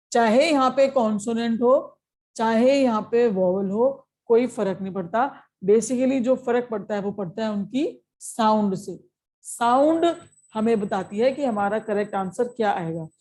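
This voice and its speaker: A woman's voice: fairly high pitch, a little slow, dark tone. A woman teaching an exam-prep grammar lesson, explaining step by step and often checking with short questions. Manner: explains step by step, mixing Hindi and English.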